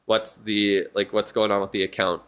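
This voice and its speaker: Low-voiced tired male streamer. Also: normal speed, smooth. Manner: relaxed, rambling, thinking aloud with many fillers. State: yawning, tired. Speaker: game streamer reviewing viewer accounts. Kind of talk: casual live-stream commentary.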